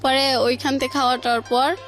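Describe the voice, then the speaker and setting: Faint music plays in a radio studio as a woman with a Bangladeshi accent tells a colloquial personal story, tying events together with quoted speech. Her voice is high and a bit bright, with little pitch movement, and she talks fairly quickly.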